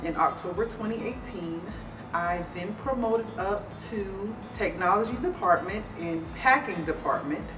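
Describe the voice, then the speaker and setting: A woman from South Carolina, a logistics supervisor, telling her work path plainly in an employee interview. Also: medium pitch. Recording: roomy, distant mic, music behind.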